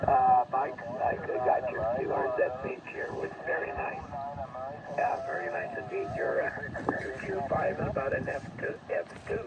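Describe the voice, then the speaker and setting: An older man, a ham radio operator, heard over a ham radio receiver, calling slowly and repeating himself. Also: medium pitch, steady tone. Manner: slow, repetitive call-sign calling. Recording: muffled, distant radio with static.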